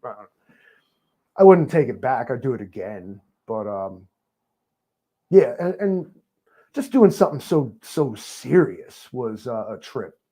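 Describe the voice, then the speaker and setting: A man talks as an interview guest, loose and rambling, full of fillers and sarcastic jokes. His voice is mellow and dark, sitting at an ordinary pitch for a man. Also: very animated, unhurried, pauses often, slightly rough. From New York. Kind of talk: casual interview chat.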